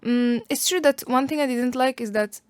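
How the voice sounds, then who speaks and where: A young Algerian woman, whose first language is Arabic, is a guest answering interview questions casually and thoughtfully, with many fillers and restarts. Her voice is high, her pace moderate, and there's no echo.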